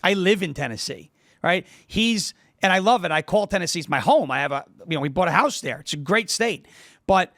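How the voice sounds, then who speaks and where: A man's voice: high voice, lively intonation, fairly quick, a bit bright, no echo, studio quality. A man in his thirties from New York, talking through a point in a casual political discussion and checking in with "right?" as he goes. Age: 30s. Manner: explains with everyday examples, asks rhetorical "right?". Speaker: podcast panelist.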